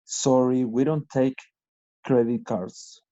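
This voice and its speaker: Male student, slow hesitant reader, mellow tone, lo-fi video call sound. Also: mid-range voice, fairly even intonation. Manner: hesitant reading aloud, asks about words.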